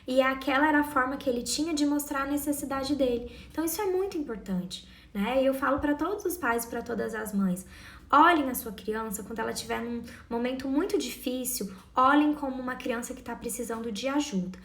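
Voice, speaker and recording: A woman's voice: high voice, fairly quick, a bit bright, reverberant. A woman, giving earnest parenting advice and speaking directly to her listeners. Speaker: parenting educator. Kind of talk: casual advice talk to parents.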